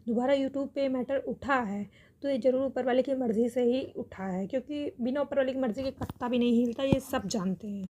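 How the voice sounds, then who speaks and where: This reaction video host has a warm voice on the high side. She speaks earnestly to viewers, giving her opinions on a family controversy and repeating phrases to drive her points home.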